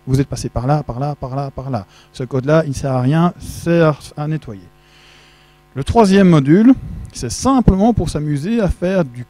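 A middle-aged man speaks French into a handheld mic in a large, dark auditorium with a projection screen, giving a casual tech conference talk. He's chatty and jokey and keeps asking the audience questions. His voice is a little high with a dark tone, and there's no room sound.

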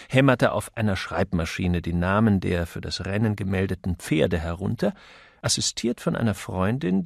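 A male audiobook narrator reading a crime story with lively, expressive swings of pitch. His voice is gravelly and sits at a middle pitch, recorded close and dry. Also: dry recording. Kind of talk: scripted narration.

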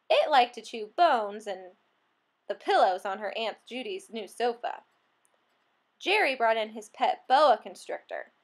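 A woman reading a children's picture book aloud, expressive and playful, acting out the animal sounds. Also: on the high side. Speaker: storybook reader.

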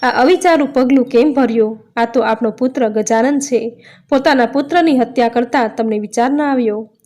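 A woman's voice: on the high side, moderate pace, darkish tone, natural voice. A woman voicing a grieving, indignant mother goddess in a told religious story, speaking in a pleading, reproachful way.

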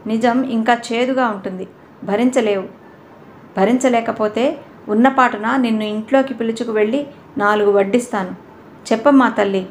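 A woman's voice: fairly high pitch, slight background noise, lightly acted. A woman reading an audio novel voices a frank young woman who lectures her friend bluntly.

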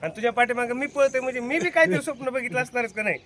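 A man's voice: very high voice, racing, a bit bright, a little hiss or hum. A man, chatting with a friend in an earnest, lecturing way. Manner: earnest, lecturing tone about hard work. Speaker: friend of the vlogger. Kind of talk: casual conversation.

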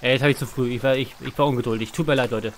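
Speaking very fast in a mid-range voice with fairly even intonation, this man runs a let's play, reading the game's text out loud and joking casually as he goes. There's slight background noise along with faint game music.

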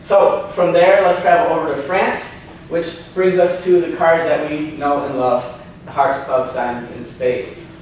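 A man's voice: a little high, fairly even intonation, measured pace, distant mic, a little hiss or hum. Chatty man lecturing in an echoey room. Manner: chatty, many ums and restarts, asks audience questions. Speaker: seminar presenter. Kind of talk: informal lecture with slides. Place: hotel meeting room, indoors. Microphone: far camera, no handheld mic.

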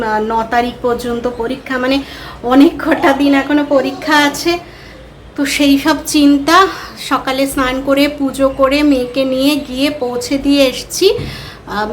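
Chatty high-voiced woman vlogging at home. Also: rough recording. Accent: Bengali. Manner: chatty, talks to viewers while doing chores. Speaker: vlogger, mother. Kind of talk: casual home vlog narration. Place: home, kitchen and rooms.

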